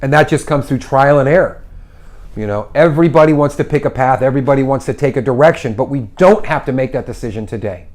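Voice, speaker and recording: A man in his forties hosting a casual livestream, giving encouraging advice in an animated way. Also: mid-range voice, quick pace. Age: 40s. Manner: animated, encouraging, acts out little voices. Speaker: host. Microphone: phone livestream.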